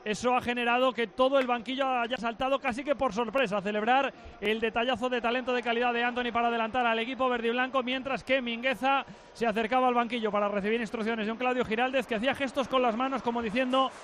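A man reports excitedly pitchside. His voice is strikingly high and he rattles along very fast. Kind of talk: excited live match reporting.

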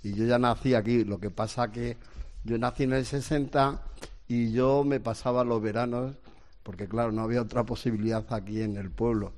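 A Spanish man in his sixties, a guest in a casual chat, tells family stories in a rambling, hesitant way, often restarting. His mid-range voice holds a steady tone at normal speed and sounds darkish.

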